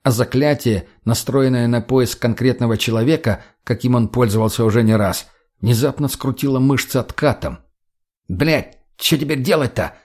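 A man narrating an audiobook in a steady, plain storytelling manner. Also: medium pitch, normal speed.

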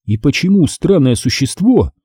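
A man narrates a first-person story aloud with expressive storytelling. His voice is very dark and husky, and it moves lively across a wide range. The read is dry and close to the mic. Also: fairly high pitch, normal speed, dry recording. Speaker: audiobook narrator.

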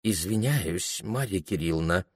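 A man's voice: deep voice, lively intonation, unhurried, husky, no room sound, studio quality, heavily acted. A man reading aloud, voicing a lovesick young shop clerk who pleads in flowery words and breaks into shrieks. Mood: fawning.

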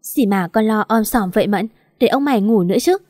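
A woman voicing a brisk, bossy older lady of the house who scolds and barks orders. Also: medium pitch, dry recording, studio quality, natural voice. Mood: irritated. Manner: scolding, loud commanding shouts.

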